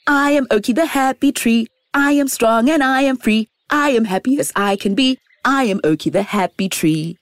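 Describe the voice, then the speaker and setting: Woman doing a happy male oak tree, sing-song, raised pitch, lively, storybook. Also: measured pace, slightly rough, no room sound, clean studio sound, exaggerated voice. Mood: cheerful. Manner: sing-song, bright and upbeat. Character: cheerful male oak tree, content and gentle.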